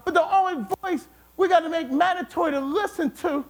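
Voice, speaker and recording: A man preaching a sermon with emphatic repetition, at times rising to shouts. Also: extremely high pitch, a little fast. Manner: emphatic, repeats words, rises to shouts.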